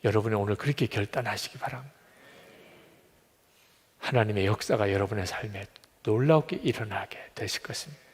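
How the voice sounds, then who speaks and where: A man's voice: lowish voice, brisk, long pauses, slightly rough. Give me a man preaching a storytelling sermon in a reverberant hall. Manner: animated storytelling, swinging from loud emphasis to hushed asides. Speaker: pastor. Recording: long reverb of a large hall.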